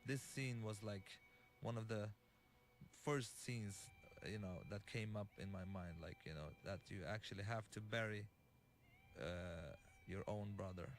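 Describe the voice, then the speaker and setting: A man giving developer commentary on his own game, halting and full of fillers and restarts. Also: on the low side.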